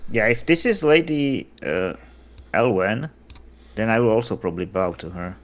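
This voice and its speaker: A man's voice: on the low side, lively intonation, normal speed. A man chatting casually as a player in a tabletop role-playing game.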